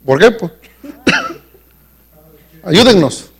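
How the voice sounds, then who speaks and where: A man with a notably high voice preaches to his congregation in a church sanctuary. He leans on key words, drawing them out for emphasis. He keeps turning to the listeners with questions. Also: huge pitch swings, extremely slow, breathy edge. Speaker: pastor. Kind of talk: live sermon.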